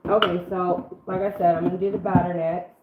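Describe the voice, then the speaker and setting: A middle-aged woman with a rough voice from being sick, chatting casually to viewers as she hosts a live home cooking stream. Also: fairly low pitch, level tone, fairly quick. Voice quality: rough, congested-sounding voice. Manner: folksy, chatty, addresses viewers by name. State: sick for two weeks, throat-clearing. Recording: roomy, band-limited phone-like stream, faint noise.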